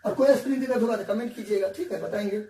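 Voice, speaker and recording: A man's voice: sits high, very fast, dark tone. A male teacher, giving a whiteboard science lesson in a coaxing, repetitive way and often checking that students follow. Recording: echoey room, distant mic, faint hiss.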